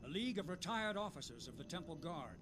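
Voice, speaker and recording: An actor playing a retired old general in a video game, proud leader of an order, speaking formally and theatrically. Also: male voice, on the high side, big pitch swings, fast talker. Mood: courteous, resigned. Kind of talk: video game character acting.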